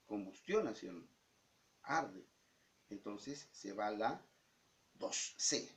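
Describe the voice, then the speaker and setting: A male teacher explaining exercises step by step, often checking in with the student. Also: mid-range voice. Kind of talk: recorded lesson explaining exercises. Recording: dull lo-fi sound.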